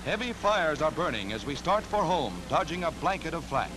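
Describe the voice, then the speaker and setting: Over loud orchestral newsreel music, an American man with a slightly high, sing-song voice narrates a scripted 1940s newsreel at a normal speed. His style is dramatic and declamatory, and the archival soundtrack is very noisy.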